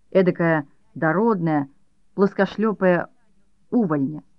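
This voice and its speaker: Measured literary audiobook narrator, dry sound. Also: medium pitch, no echo. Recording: dull dry audiobook recording.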